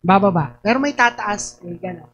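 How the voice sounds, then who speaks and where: A woman's voice: medium pitch, normal speed, husky, dull audio. A young woman pastor from Batangas with a Batangas accent, preaching and telling stories, often raising her voice to act out quotes. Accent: Batangas Tagalog. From Batangas, Philippines. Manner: lively storytelling, often raises her voice in acted quotes. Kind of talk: sermon.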